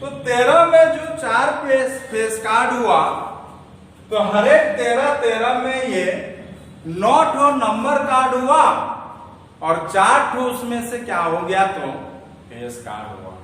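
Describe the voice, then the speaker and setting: Man, slow high-pitched teacher, booming echo from far off, faint hum. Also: lively intonation, fairly bright tone. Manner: explains step by step, asks and answers his own questions. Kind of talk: classroom lesson. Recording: echoey room from far off.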